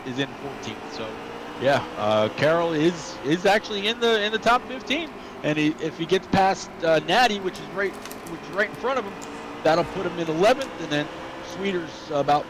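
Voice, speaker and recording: A man doing casual color commentary on a sim race, rambling and halting with lots of "uh"s. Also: high voice. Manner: rambling, halting, many "uh"s and restarts. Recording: noticeable background noise.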